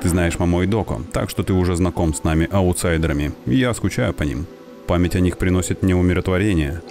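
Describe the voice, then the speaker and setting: A man voicing a serene, kindly robot sage from a video game, reading the dialogue in a measured way. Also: low-pitched, music in the background. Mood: wistful. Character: serene, wise robot in meditation, encouraging mentor.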